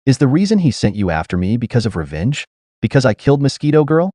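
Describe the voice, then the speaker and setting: A man voicing a calm, commanding young male hero in a read-aloud story. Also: mid-range voice, fast, no echo, studio quality. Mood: curious.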